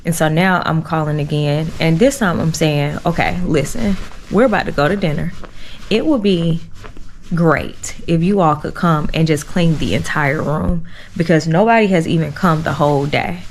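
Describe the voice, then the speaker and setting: A woman's voice: sits low, moderate pace, a little hiss or hum. A woman vlogger telling a story casually and with animation, exasperated and slangy, talking straight to her viewers.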